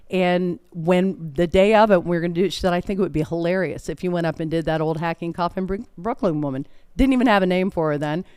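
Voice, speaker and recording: A woman's voice: fairly low pitch, clear, resonant tone, no echo. A middle-aged woman telling stories in a casual interview, chatty and laughing often. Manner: chatty, laughing, animated storytelling. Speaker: performer and guest.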